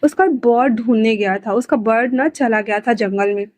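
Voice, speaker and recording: A woman's voice: a little high, moderate pace, darkish tone, no room sound, natural voice. A woman voicing a pouty, crybaby younger brother who whines and sulks in a read-aloud fan story. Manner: whiny, sulky pleading.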